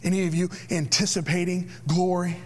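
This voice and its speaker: A man preaching a sermon as pastor, slow and deliberate, sometimes dropping to a hushed near-whisper. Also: high voice, little pitch movement.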